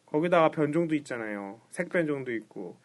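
A man with a slightly high voice co-hosts a casual gaming podcast at a quick pace. He hums agreement often and drops in jokes. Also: animated. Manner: agreeable, lots of backchannel hums, jokey. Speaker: podcast co-host.

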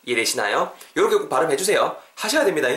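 A man's voice: on the high side, sing-song, quick pace, fairly bright tone, reverberant. A Korean man teaching an English expression on a podcast, drilling phrases for listeners to repeat.

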